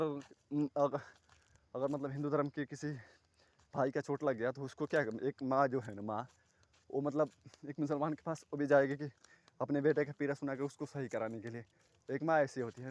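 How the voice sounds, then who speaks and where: A man talking to the camera outdoors at night, far from any houses, rambling and earnest, at times loud and a little scared. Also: mid-range voice, dry recording. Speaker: vlogger. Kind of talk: casual talk to camera.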